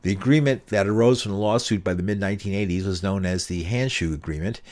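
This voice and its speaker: Low-voiced male interviewer. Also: fast. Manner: steady reporter's read, brief affirmations. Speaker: interviewer and narrator. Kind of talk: news narration and interview questions.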